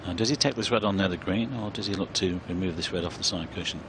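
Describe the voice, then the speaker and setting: Quick-talking male snooker commentator. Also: sits low. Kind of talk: live sports commentary. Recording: clear background noise.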